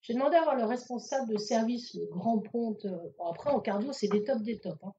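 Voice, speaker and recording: Woman speaker at a talk, fairly high mellow voice, chatty and animated, acts out dialogue; dull lo-fi recording. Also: a little fast, slight background noise. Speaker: medium giving a public talk. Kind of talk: conference talk, personal storytelling.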